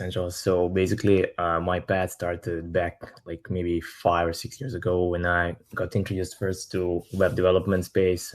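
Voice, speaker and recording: Deep, flat-voiced man from Serbia. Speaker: guest, blockchain engineer. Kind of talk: casual online audio chat. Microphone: online audio stream.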